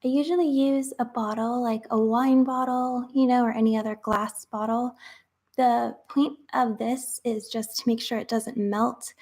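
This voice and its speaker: Young woman, high-pitched, casual craft vlog, chatty, rambling, occasional whispers. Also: steady tone, a little slow, darkish tone. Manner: chatty, rambling, many fillers.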